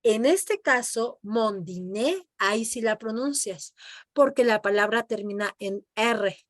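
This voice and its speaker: In a clean, echo-free studio recording, a woman with a fairly high voice speaks a little slowly. She teaches French in an online lesson, explaining patiently in Spanish and French and modeling words for her student to repeat.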